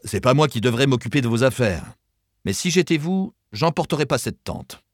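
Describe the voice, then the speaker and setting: Man voicing mocking onlookers, wry, offhand, husky, lively intonation. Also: medium pitch, moderate pace, no echo, clean studio sound, pitched above the performer's own voice, close to an everyday voice. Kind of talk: audiobook character voice.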